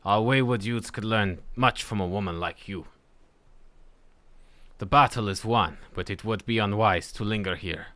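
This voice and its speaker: A man's voice: lowish voice, a bit bright, no room sound, pitched below the performer's own voice, natural voice. Man playing a stern, protective elder. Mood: grave, reproving. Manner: grave, formal, measured. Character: stern, protective male elder of a refugee people.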